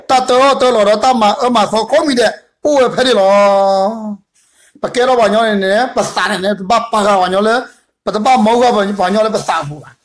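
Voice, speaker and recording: A man giving a Bible study talk, retelling a story in a rambling, repetitive way with many fillers. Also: sits high.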